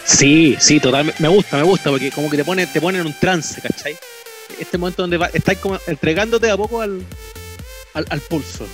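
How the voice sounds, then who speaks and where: A man's voice: a little high, normal speed, music in the background. A man with a Chilean accent co-hosting a podcast in loose, slangy chat, prone to vocal imitations. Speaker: podcast host. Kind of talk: casual chat.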